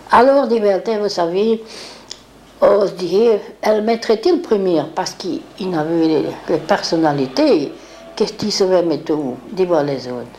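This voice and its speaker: Older woman, gravelly, mellow tone, rambling memories, faint hiss. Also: on the low side. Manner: rambling, acts out quoted speech. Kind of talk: reminiscing oral history.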